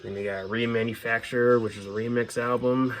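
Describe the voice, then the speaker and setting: This man hosts a casual show-and-tell of his music collection, talking like an informal, opinionated fan. His mid-range voice moves a little fast with fairly even intonation.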